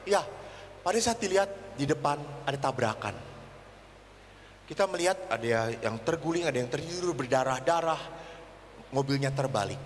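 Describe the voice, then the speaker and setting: Lively high-voiced priest preaching. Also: male voice, slight background noise. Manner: lively storyteller acting out dialogue. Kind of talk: sermon with humorous anecdotes. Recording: long reverb of a large hall.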